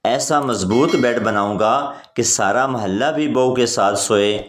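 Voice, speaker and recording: Slow, unhurried man telling jokes in an echoey room. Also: mid-range voice, slight background noise. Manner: plain storytelling delivery, voicing each character in the same voice. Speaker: joke narrator. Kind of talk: reading jokes aloud. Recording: roomy echo.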